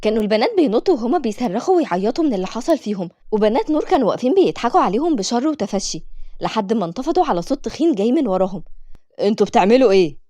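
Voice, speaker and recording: A woman with an Egyptian accent narrating a serialized story. She reads at a very fast clip with lively, rising and falling pitch. Her voice is mellow, recorded dry and close. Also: dry recording. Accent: Egyptian Arabic. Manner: brisk, animated narration.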